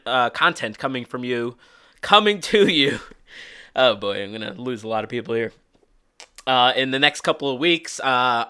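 A young man hosting his own podcast, chatting casually with lots of fillers and restarts, hoarse from a cold. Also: medium pitch, sharp tone. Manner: rambling, full of fillers and restarts. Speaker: podcast host. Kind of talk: casual solo podcast talk.

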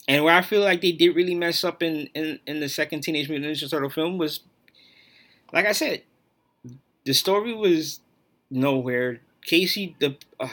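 A man's voice: a little high, bright, forceful tone. A man hosting his own podcast, talking alone in a blunt, profane, opinionated rant. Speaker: podcast host.

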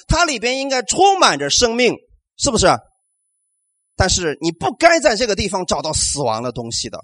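A male pastor preaches with a high, lively voice that swoops up and down as he asks his congregation question after question. He punctuates his points with amens. The sound is dry and close, with no room echo. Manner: animated preaching with rhetorical questions and call-and-response amens. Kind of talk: sermon.

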